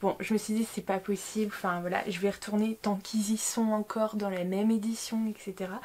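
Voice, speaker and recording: A young French woman talks casually to her viewers about her new books. Her chat is loose and self-mocking, packed with little fillers and restarts, and her pitch sits in the middle. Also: level tone, fairly quick, a little mellow, a little hiss or hum. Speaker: book vlogger.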